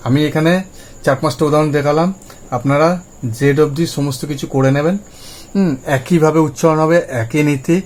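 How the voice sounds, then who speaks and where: A man's voice: on the high side, steady tone, a little fast, darkish tone. A man with a Bengali accent teaching English reading, patiently spelling out letter sounds and repeating each one. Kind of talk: spoken language lesson.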